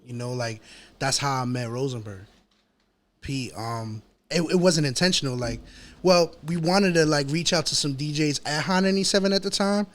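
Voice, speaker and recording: A New York City rapper with a New York accent tells stories casually as a podcast guest in an interview. His voice is fairly high and fairly bright at a normal pace, and his slangy, repetitive talk is peppered with "you know" and "yo."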